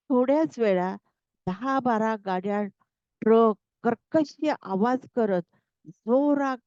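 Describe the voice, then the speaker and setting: Give me a woman storyteller reading slowly and carefully. Her voice sits a bit high. The recording is dry and a little dull, like a modest home setup. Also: darkish tone, dry recording. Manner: slow, deliberate reading aloud. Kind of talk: serialized story narration.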